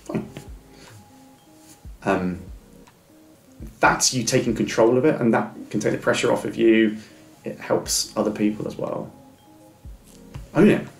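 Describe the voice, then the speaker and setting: In an echoey room where faint music plays, a middle-aged man being interviewed reflects and earnestly encourages, stammering with repetitions and restarts. His medium-pitched voice is creaky and measured, broken by long pauses.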